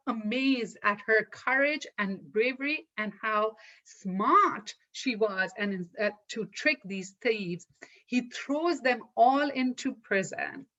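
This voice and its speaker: A woman telling a folktale aloud in an unhurried way, with small restarts. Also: a little high, a bit bright. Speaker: storyteller. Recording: dull lo-fi recording.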